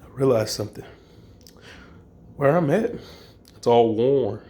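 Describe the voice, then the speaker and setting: Profane, animated male storyteller. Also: medium pitch, unhurried. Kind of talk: casual improvised storytelling.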